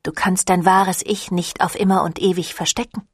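Woman reader doing a silky, coaxing vampire leader with a lowish voice for an audiobook. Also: level tone, normal speed, husky, dry recording, studio quality. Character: seductive ancient female vampire clan leader. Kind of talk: audiobook reading.

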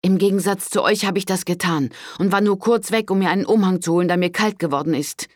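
A man's voice: sits high, quick pace, dry recording, studio quality, pitched above the performer's own voice. A man voicing a proud, defiant young noblewoman. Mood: indignant. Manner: indignant and sharp.

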